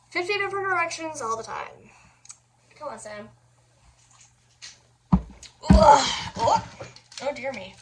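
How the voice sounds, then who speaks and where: A woman's voice: a little high, poor audio. A young woman talking casually to camera, rambling and easily sidetracked, laughing often as she chats. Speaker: vlogger.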